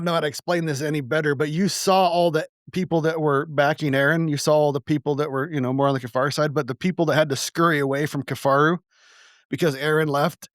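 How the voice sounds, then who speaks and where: A man's voice: a little high, fairly bright tone, no room sound, studio quality. A man hosting a casual podcast, talking loosely and profanely, rambling with restarts. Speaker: podcast host.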